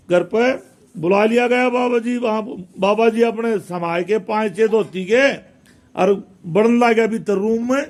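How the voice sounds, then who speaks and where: A man's voice: sits high, a little mellow. A man telling a village folk tale casually, rambling and repeating phrases. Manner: rambling, repeats phrases, voices characters in dialect. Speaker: village storyteller.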